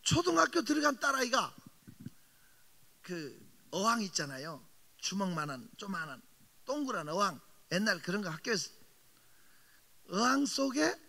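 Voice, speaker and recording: A man's voice: sits high, pushed and bright. A middle-aged male pastor preaching a revival sermon in a church sanctuary, telling a story with animation and teasing the congregation. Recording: long reverb of a large hall.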